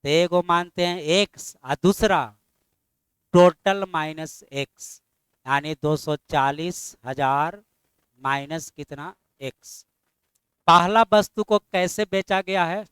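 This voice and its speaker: A middle-aged man teaching a math class, firing constant questions at his students and scolding them mildly when they are slow. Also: a little high, fairly bright tone, clean tone, no echo.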